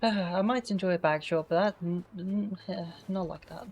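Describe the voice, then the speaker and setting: A woman's voice: fairly low pitch, a little slow, darkish tone. A woman streaming gameplay live, making wry, sweary asides to her chat. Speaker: gaming streamer. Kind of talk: casual live gameplay commentary.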